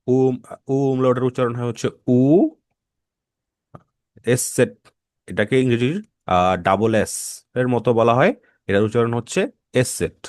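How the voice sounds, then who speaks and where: A man teaching a German language lesson, reading letters aloud slowly and patiently for learners to repeat. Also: mid-range voice, dry recording, clean studio sound. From Bangladesh. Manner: slow, patient letter-by-letter pronunciation drills. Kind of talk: slow spoken language lesson.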